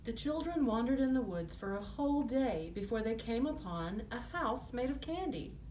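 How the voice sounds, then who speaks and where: A woman narrates as if opening a fairy tale for children. Her pitch moves in lively swings through the scripted story. She sounds slightly away from the mic, with faint noise. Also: moderate pace, recorded from a distance, poor audio.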